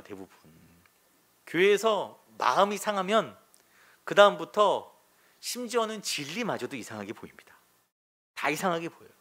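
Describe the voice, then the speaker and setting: Male pastor, Sunday sermon: chatty, direct, lively pitch, slightly high. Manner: conversational, asks the congregation questions; colloquial and frank.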